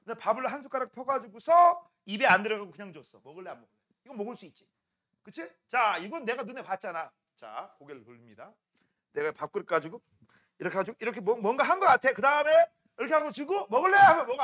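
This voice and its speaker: A man's voice: very high-pitched, sharp tone. A man teaching a science class, teasing and bantering with his students in a casual, colloquial way. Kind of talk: classroom lecture.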